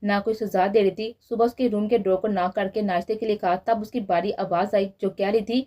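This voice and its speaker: A woman narrating a romance novel in a steady storytelling manner. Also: mid-range voice, brisk. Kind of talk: novel reading.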